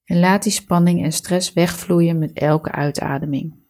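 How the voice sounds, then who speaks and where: A woman leading a guided relaxation meditation, giving calm, soothing, measured instructions. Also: on the low side.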